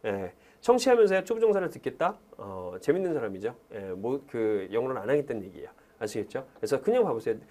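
Animated man teaching with quick energy. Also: medium pitch. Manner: animated, urges learners to repeat aloud. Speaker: English teacher. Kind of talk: lively classroom lecture.

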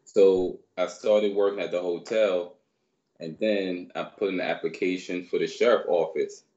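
A Barbadian man in his thirties who grew up in New York, a personal trainer, is the guest in a casual storytelling interview, rambling in a relaxed way with many fillers. He talks at normal speed in a deep voice over a video call webcam from a small indoor room, and the sound is lo-fi.

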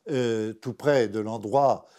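A man's voice: fairly low pitch, slow pace, dark tone. A man, a writer, interviewed for a documentary, insistent and repeating his points for emphasis.

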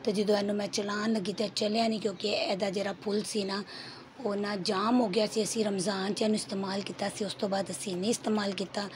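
A middle-aged woman with a Punjabi accent and a hoarse throat, chatting homely through her daily cooking vlog. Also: medium pitch, flat delivery, a little fast, slight background noise. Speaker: cooking vlogger. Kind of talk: casual vlog voice-over.

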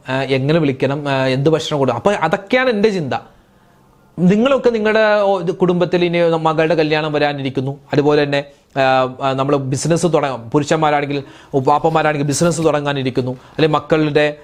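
A young man giving a religious talk. He speaks in a friendly way, turns straight to his listeners, and goes soft and low when he quotes prayers. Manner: conversational, addresses listeners directly. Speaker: preacher. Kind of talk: religious speech.

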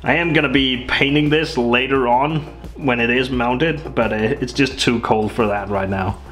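A man's voice: medium pitch, moderate pace, soft background music. A man giving casual, chatty commentary as he works on a vehicle in a cold workshop. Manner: relaxed, chatty, with small laughs. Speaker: vehicle restoration vlogger. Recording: echoey workshop with loud noise.

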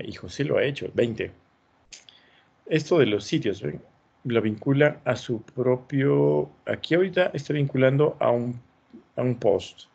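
A man's voice: medium pitch, gravelly, darkish tone, breathy edge. A man teaching an online class, thinking aloud and encouraging as he reviews students' work. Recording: dull lo-fi sound.

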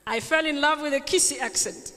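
A Kenyan woman preaching a sermon in a church, telling stories at a deliberate pace and asking the congregation questions. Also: sits high, sharp tone. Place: large church sanctuary. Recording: echoey church hall.

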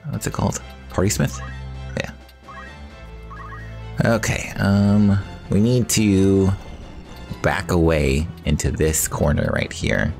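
A man with a very deep, gravelly voice talks through a strategy game in a loose, thinking-aloud way. He weighs his moves and reads bits of the story out loud, with game music faint behind him. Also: slow pace, pauses often. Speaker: gamer playing a strategy game mod. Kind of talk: casual gameplay commentary.

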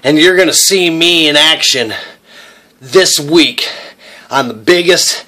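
Young guy doing a cocky wrestling promo, highish voice, blustery tough talk. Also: slow, pushed and bright. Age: young adult. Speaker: amateur wrestler cutting a promo. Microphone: phone at arm's length.

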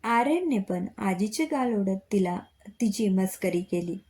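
Mellow-voiced woman reading a story. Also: medium pitch, animated, unhurried.

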